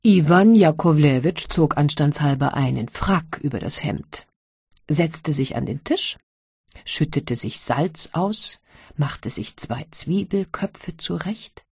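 A woman narrating a classic story as an audiobook reading, in a measured storytelling manner. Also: deep voice, a little mellow, slightly rough, no echo, lo-fi sound.

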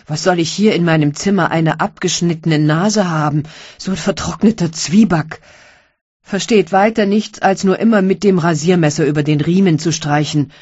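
A woman voicing a barber's scolding wife who shouts insults at him loudly in an audiobook reading. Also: on the low side, moderate pace, slightly rough, no echo, lo-fi sound. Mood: furious. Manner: loud, berating, shouting insults.

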